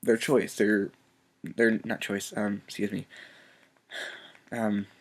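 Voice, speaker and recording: In an emotional personal video message, a man vlogger speaks softly and earnestly, halting as he fights back tears. His voice is fairly low and level in tone.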